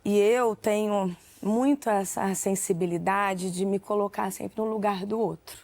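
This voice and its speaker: A woman's voice: mid-range voice, steady tone, a little slow, a little mellow, dry recording. A woman in her forties, a talk show guest, speaking in a moved, reflective way. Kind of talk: casual chat.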